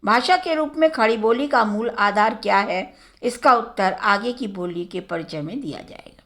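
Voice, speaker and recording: A woman giving a measured academic lecture, listing word forms one by one. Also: a little high, a bit bright. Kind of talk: slow academic lecture on Hindi dialects.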